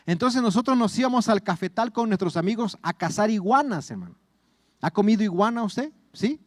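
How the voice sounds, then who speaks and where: Salvadoran man, middle-aged pastor, earnest sermon delivery, high-pitched voice, dry close sound. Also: lively intonation, a little fast, no echo. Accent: Salvadoran Spanish. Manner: earnest, repeats words and addresses listeners as brothers.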